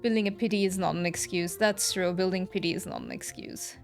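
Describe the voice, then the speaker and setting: Streaming a game, a woman chats casually with her viewers and reacts informally to their comments, with music playing behind her. Her voice is fairly low and creaky, and she talks fairly quickly.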